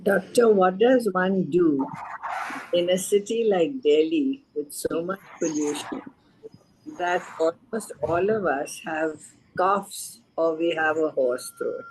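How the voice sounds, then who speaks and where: A man interviews a doctor, asking his questions slowly and deliberately. His voice is somewhat high. Faint background noise runs under the recording. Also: a little mellow, rough recording.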